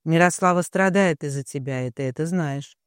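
A man's voice: on the high side, normal speed, clear, resonant tone, dry recording, clean studio sound, close to an everyday voice. A man reading a distraught, defiant young heroine. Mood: pleading. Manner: tearful pleading.

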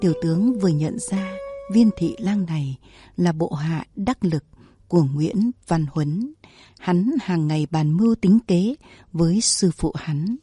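A woman voicing a loyal male aide giving a hushed, urgent warning in a storybook reading. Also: lowish voice, measured pace, slightly rough, no echo, faint music behind.

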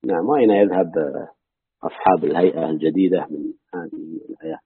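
A deep-voiced man with a husky tone reads through an old scripture commentary in a steady, measured way. The sound is dry and tinny, like a phone line. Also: no room sound. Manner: measured reading that drops to low asides. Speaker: reader and teacher of Quran commentary. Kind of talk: reading a classical commentary aloud with brief remarks.

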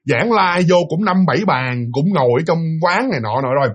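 Fast-talking husky Southern Vietnamese man. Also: fairly high pitch, animated, lo-fi sound. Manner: chatty, addresses listeners directly. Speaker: storyteller. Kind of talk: casual spoken ghost story.

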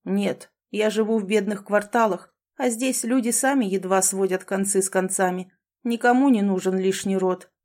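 A woman's voice: mid-range voice, moderate pace, a little mellow, natural voice. A woman voicing a grumbling, gallant homeless male dog in a storybook reading.

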